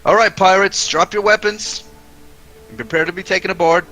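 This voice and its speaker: A man voicing a gruff, dim-witted rank-and-file soldier in a tabletop fantasy game, blustering and unsure of himself. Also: sits high, fairly even intonation, normal speed, sharp tone, soft background music, pitched above the performer's own voice. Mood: commanding.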